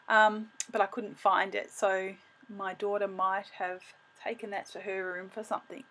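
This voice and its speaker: A middle-aged woman casually narrating her scrapbooking as she works, thinking aloud and correcting herself as she goes. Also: mid-range voice. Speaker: craft video host.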